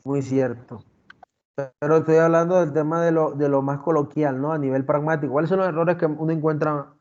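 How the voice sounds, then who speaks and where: A man's voice: a little high, steady tone, brisk, a little mellow, dull audio. A man teaching an online class, lecturing and often asking the students questions. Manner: talkative, asks the class questions, many fillers.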